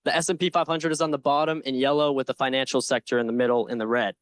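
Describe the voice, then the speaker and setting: A young man confidently and earnestly giving a prepared investment pitch with slides, with some informal asides. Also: level tone, fast talker, no room sound, clean studio sound. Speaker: presenter in a stock pitch competition.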